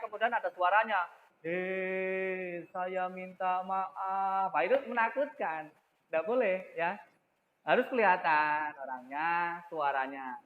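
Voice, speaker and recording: A man's voice: sits high, narrow, tinny audio. A man teaching young children in an online class, speaking patiently and repeating key words, heard through an echoey video call. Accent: Indonesian.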